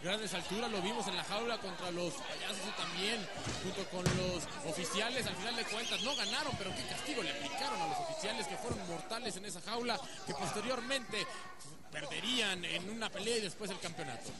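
Mexican man, high-voiced wrestling commentator. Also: brisk, heavy background noise. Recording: loud arena crowd behind commentary.

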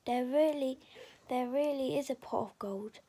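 A woman voicing a curious, excited young girl in a storybook, speaking eagerly in a hushed voice. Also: high voice, measured pace.

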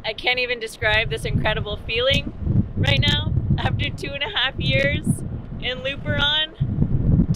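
A young woman talking casually to the camera from a sailboat, grateful and soft-spoken. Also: high-pitched. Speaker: sailing vlogger. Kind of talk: casual vlog talk to camera. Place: sailboat cockpit outdoors. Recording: clear wind and water noise.

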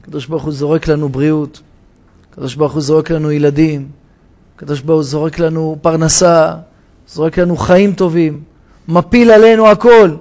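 Rabbi preaching in a synagogue, highish voice, gets loud and dramatic telling a story. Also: male voice, little pitch movement. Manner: dramatic storytelling, shouting the parable's cries for help. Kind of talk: sermon.

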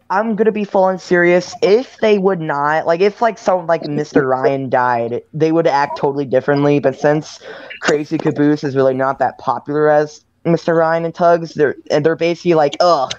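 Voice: mid-range voice, a little mellow, highs cut off, slight background noise. A participant in a casual voice chat, rambling and earnest, with many fillers.

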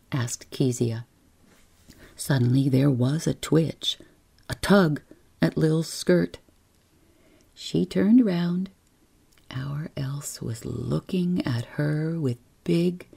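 Hushed, husky-voiced woman reading bedtime stories. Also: deep voice. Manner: hushed, half-whispered delivery. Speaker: bedtime story narrator. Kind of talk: soft, slow sleep-story reading.

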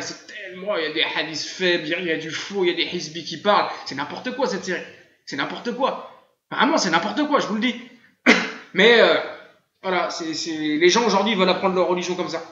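A man with a rather high, bright voice gives an informal religious lesson in a loose, meandering way, repeating himself and filling pauses as he talks. The sound is dull and muffled, with a roomy echo, as if heard through an online voice-chat room. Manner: conversational and rambling, with frequent fillers and repetition. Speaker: religious teacher. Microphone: computer microphone in a voice-chat room.

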